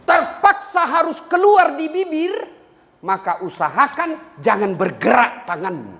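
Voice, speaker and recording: A man giving a humorous sermon to a live audience, animated and swooping high for punchlines. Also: measured pace, gravelly. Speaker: preacher. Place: live gathering. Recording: echoey hall with faint ambience.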